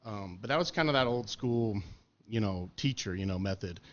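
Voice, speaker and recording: A middle-aged man spinning stories on a podcast, easygoing and full of swearing and "you know"s. His voice sits fairly low. The audio is a bit dull and lo-fi. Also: animated, moderate pace, fairly bright tone. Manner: laid-back, profane, filler-heavy. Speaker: podcast interviewee. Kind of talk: casual storytelling chat.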